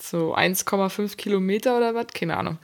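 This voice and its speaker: A young woman chats casually as a podcast host, spinning a story about her own mishaps. She mocks herself freely and throws in slang and the odd swear word. Her voice sits at a middling pitch for a woman. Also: fairly quick, gravelly. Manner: lively, self-mocking, slangy and swearing.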